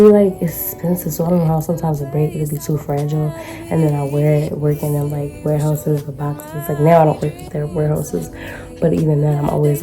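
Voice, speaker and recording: Low-voiced woman, rambling haul vlogger. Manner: rambling, informal, slangy. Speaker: vlogger showing a shopping haul. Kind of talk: casual chatty haul vlog.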